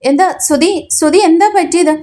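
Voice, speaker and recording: A woman's voice: extremely high pitch, fairly quick, dark tone, voice pushed up. A woman voicing a worried young woman from a TV serial who keeps asking what is wrong. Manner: anxious questioning. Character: worried young woman questioning a family member.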